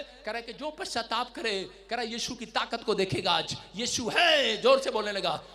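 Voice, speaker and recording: A man preaching a fervent sermon, moving between quiet storytelling and loud shouting, calling on the audience to respond. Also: high voice.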